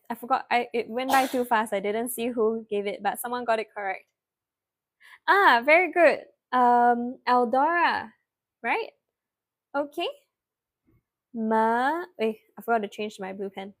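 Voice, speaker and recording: A young woman leads a live online spelling lesson, cheerfully praising students by name. Her voice sits high, and she talks at an easy, unhurried pace, drawing words out slowly when she spells them. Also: a bit bright. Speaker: online tutor.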